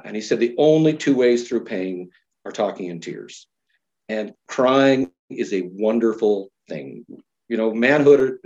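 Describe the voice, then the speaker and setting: A man, a pastor, talking earnestly and thoughtfully in a podcast conversation, slowing down to stress key words. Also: mid-range voice, darkish tone, muffled recording.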